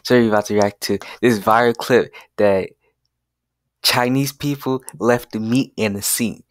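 A man's voice: on the low side, unhurried, no echo. A man hosting a reaction channel, talking casually in slang and asking viewers questions from a small dim room on a headset mic.

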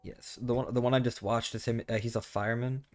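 A man's voice: medium pitch, steady tone, brisk, dry recording. A man hosting a casual gameplay chat with a friend, rambling and often stammering or repeating words as he talks. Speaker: gaming channel host.

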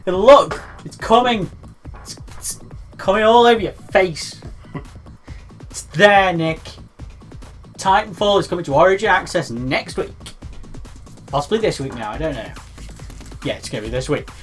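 A man's voice: high voice, lively intonation, moderate pace, pauses often, fairly bright tone, faint music behind. A man co-hosting a casual gaming podcast, rambling with lots of fillers and restarts and teasing his co-host. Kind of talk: casual chat.

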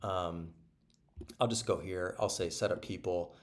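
A man giving a casual, upbeat screen-share walkthrough of a software product, talking loosely with many ums and restarts. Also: sits low, steady tone, unhurried. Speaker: product presenter.

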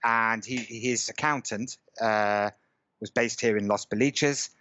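A man in his fifties joins a video call as a guest from a room at home, speaking through a headset. His voice is on the low side and a bit bright, with a slow pace, and he tells a story casually while frequently checking in with "okay?" and "right?". The audio is dull, with slight background noise.

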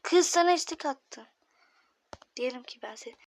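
High-voiced woman chatting through a game. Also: normal speed. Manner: chatty, talks to viewers, often drops to a whisper. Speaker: gaming YouTuber. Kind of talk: casual gaming commentary.

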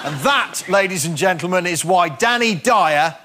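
High-voiced man ranting comically. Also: animated, moderate pace, a crowd in the background, noisy background. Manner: ranting, incredulous mockery. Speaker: panel show debater. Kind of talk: comic stand-up argument.

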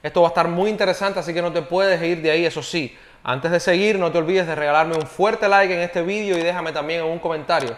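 Un hombre que da una clase de piano por video, explica paso a paso y pregunta "¿ok?" a cada rato. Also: male voice, on the high side, fast. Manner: explanatory, checks in with frequent "¿ok?". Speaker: piano teacher. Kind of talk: online piano tutorial.

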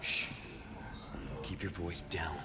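Low, deadpan action hero. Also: male voice, takes it slowly. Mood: hushed warning. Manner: terse, deadpan, wry. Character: stoic young male action hero, dry and guarded. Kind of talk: video game dialogue. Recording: clear game noise behind.

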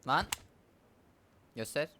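A young man giving live commentary on a shooter game, excitable, shouting and muttering at enemies. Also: extremely slow, very noisy. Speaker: gamer streamer. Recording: loud gunfire over the voice. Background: game gunfire and vehicles.

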